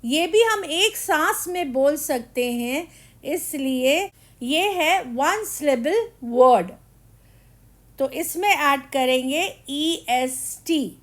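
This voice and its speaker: A woman teaching grammar, explaining slowly and deliberately, with the English examples spoken very slowly. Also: high voice. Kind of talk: grammar lesson.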